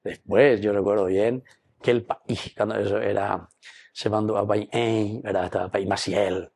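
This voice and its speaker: Gravelly Paraguayan priest preaching. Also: male voice, fairly low pitch, a little slow. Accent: Paraguayan Spanish. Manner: animated, mixes in Guaraní, rhetorical questions. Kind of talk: homily at Mass.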